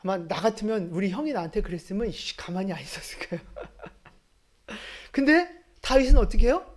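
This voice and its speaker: A woman pastor preaches to her congregation. Her pitch rises and falls in a lively way, and she often puts questions to the listeners. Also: normal speed. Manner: lively, talks to the congregation with questions and acted quotes. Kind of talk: sermon. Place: church sanctuary.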